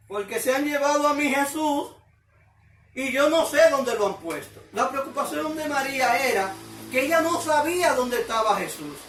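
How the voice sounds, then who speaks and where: A man's voice: very high voice, fairly bright tone. A man preaching a sermon, asking the listeners one question after another. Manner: asks the listeners many questions. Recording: echoey room, mic at a distance.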